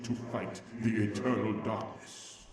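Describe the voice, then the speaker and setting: An actor voicing an ancient dying corpse god, solemn and slow in his pronouncements. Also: fairly low pitch, steady tone, crowd noise, lightly acted. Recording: distant echoey game audio with noise.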